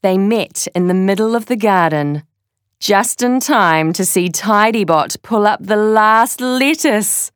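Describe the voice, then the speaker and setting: Lady reading a kids story real slow, lowish voice, dry close sound. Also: expressive, clean tone, no echo. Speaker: narrator. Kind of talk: children's story read-aloud.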